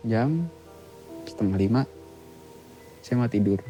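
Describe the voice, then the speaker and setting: A man talking as a podcast guest, retelling an eerie experience in halting, plain speech with short, clipped sentences. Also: fairly low pitch, animated, dark tone, faint music behind, rough recording. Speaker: guest storyteller, author. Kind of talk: casual spoken retelling of a ghost story.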